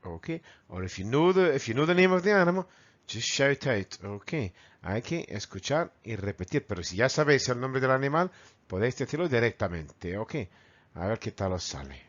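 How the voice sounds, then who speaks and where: A man with a Spanish accent from Spain teaching English vocabulary to children, repeating words slowly and mimicking animal sounds. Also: medium pitch, very animated, highs cut off. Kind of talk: bilingual vocabulary lesson.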